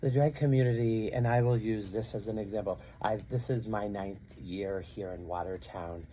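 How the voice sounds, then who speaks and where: A man's voice: on the low side, fairly even intonation, normal speed, dark tone, slight background noise. A middle-aged man who works as a drag queen and show host, answering interview questions earnestly and repeating phrases for emphasis.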